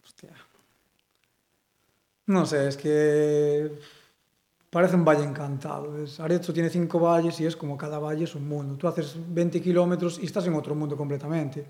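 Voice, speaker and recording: A young man with a Galician accent speaks in a fairly high voice, rambling through a relaxed interview with plenty of filler words. The room is echoey. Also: moderate pace, pauses often. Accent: Galician Spanish. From Galicia, Spain. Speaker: interviewee, sculptor. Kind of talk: casual interview.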